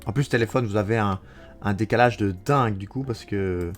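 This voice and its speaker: A man's voice: fairly low pitch, fairly quick, faint music behind. Chatty Belgian French man streaming a game. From Belgium, Wallonia. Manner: chatty, answers viewers, thinks aloud. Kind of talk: live game commentary.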